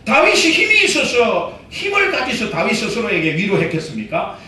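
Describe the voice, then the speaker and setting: A male pastor delivers an animated sermon in a very high, bright, forceful voice that leaps up and down in pitch. He acts out little pep talks and calls out to his listeners. The sound is heavily echoey, caught from across a church hall. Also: moderate pace, far from the mic. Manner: animated preaching, acts out self-talk, calls out to the congregation. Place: church sanctuary.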